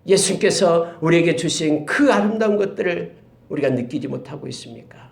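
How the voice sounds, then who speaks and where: Dramatic gravelly-voiced male pastor. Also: on the high side, animated, brisk. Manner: dramatic, swings from loud exclamations to hushed whispers. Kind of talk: sermon. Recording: roomy echo.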